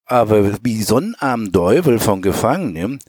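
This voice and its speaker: Low German man reading a tale aloud. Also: very animated, normal speed, a little mellow, slightly rough, no echo, studio quality. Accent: Low German (Mecklenburg). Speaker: storyteller.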